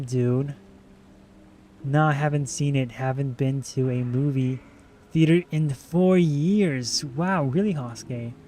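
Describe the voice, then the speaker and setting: A gaming streamer with a mellow, mid-range voice rambles casually while he plays and answers his chat in let's-play style. There's slight background noise.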